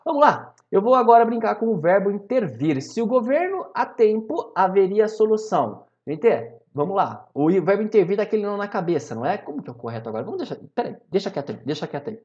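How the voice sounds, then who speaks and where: A man's voice: high voice, fast talker, hardly any pauses, dull audio. A man with a Brazilian accent teaching grammar in a video lesson, often checking in with his students. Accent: Brazilian Portuguese. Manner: animated, repeats "maravilha?" and "tá?" to check in with students.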